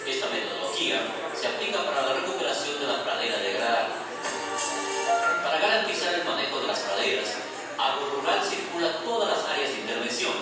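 A man reading scripted documentary narration in a steady, formal way. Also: medium pitch, recorded from a distance. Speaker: video narrator. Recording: video played in an echoey hall, with loud music.

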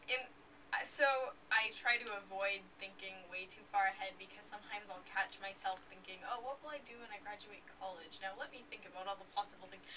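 A fourteen-year-old girl, a young author and speaker, answers interview questions in a chatty way, laughing often and using lots of fillers. Her voice, a woman's, is mid-range with a sharp tone. She sits in an armchair in an indoor room with curtains, recorded by a camera at a distance, so the sound is distant with faint noise.

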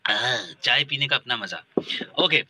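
Bright-voiced teasing male radio host. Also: mid-range voice, lively intonation, a little slow, slightly rough, no room sound. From Pakistan. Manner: teasing, chatty banter with callers. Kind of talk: live call-in radio chat.

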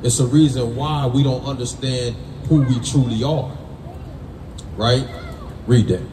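An unhurried American man with a mid-range voice teaches the Bible on the street, call-and-response style. Emphatic and colloquial, he marks points with "right?" and "man," recorded from a distance in a roomy space full of people's noise.

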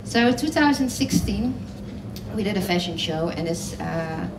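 A woman's voice: on the low side, lively intonation, moderate pace. A woman designer speaking on a conference panel on stage, earnest and with many fillers. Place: large hall on stage. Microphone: headset. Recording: roomy hall, mic at a distance, noisy.

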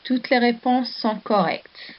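A woman teacher from Morocco talks slowly and patiently to young pupils. She reads a storybook aloud, asks questions and praises the answers. The recording sounds dull and lo-fi. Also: fairly high pitch. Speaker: primary school teacher. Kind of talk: slow classroom lesson and storybook reading.

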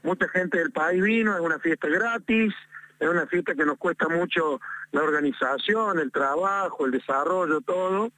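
Calling in to a talk show over a phone line, a mayor with an Argentine Spanish accent lodges an insistent, aggrieved complaint, repeating his points for emphasis. His voice sits high, with a moderate pace and a bright, forceful tone.

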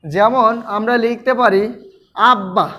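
A man gives a pronunciation lesson, repeating every word several times and instructing his students directly. His high-pitched voice is unhurried, pushed and bright, heard through a dull lo-fi recording.

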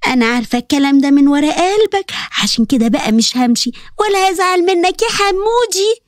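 A woman voicing a cheeky, sharp-tongued young woman in an animated story, with an Egyptian accent and a mocking, insulting manner. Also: very high-pitched, fast talker, no echo, studio quality.

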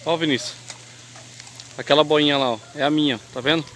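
A man's voice: on the high side, steady tone, a little fast, a bit bright. Chatty brazilian man fishing outdoors. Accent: Brazilian Portuguese. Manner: chatty, teasing, gives pointers. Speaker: fishing vlog host. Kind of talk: casual chat while fishing. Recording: noisy outdoor camera audio.

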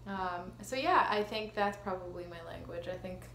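Her voice is lowish and a bit bright, at a moderate pace, with a Canadian accent. The woman, an actress in her thirties, answers interview questions casually and hesitantly, poking fun at herself. She's in her living room, which sounds echoey and has ambient noise.

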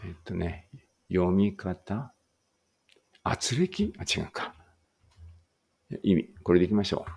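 A man's voice: low-pitched, very animated, slow pace, vocal fry, long pauses, darkish tone, slightly rough. A man teaching English vocabulary, reading words aloud and thinking aloud as he checks each one. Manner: thinks aloud while working through a word list. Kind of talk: vocabulary read-aloud lesson.

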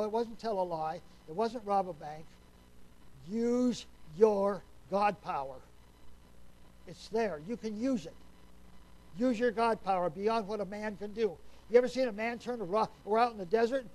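A man preaching a Sunday sermon in a folksy, conversational way, often asking the congregation questions and dropping to a hushed voice at solemn points. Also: sits high, normal speed, low-quality recording.

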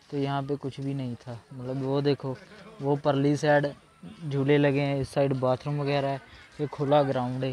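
A man in his 20s from Punjab, India, vlogs outdoors in an open school ground and park, chatting casually and chummily to viewers. He holds the camera at arm's length, and the poor audio carries slight background noise. His voice is a little high and a little mellow.

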